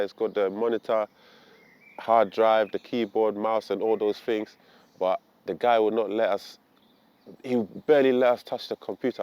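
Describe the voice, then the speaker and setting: A man's voice: lowish voice, darkish tone, smooth. A young man from Ghana telling his own story in an earnest, reflective way, with frequent "you know" fillers. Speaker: vlogger. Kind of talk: personal storytelling to camera.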